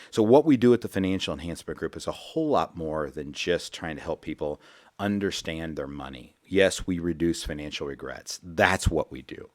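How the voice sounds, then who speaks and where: A man hosting a financial radio show, talking in a rambling, folksy way and repeating his words. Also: deep voice. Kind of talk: casual radio talk with sales pitch. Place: radio studio.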